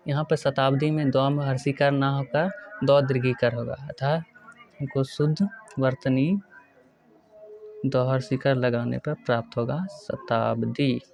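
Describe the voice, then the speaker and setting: A male teacher giving a spelling lesson, working through words one by one and repeating each correct form slowly. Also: medium pitch, gravelly. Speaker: Hindi grammar teacher. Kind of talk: exam-prep lesson.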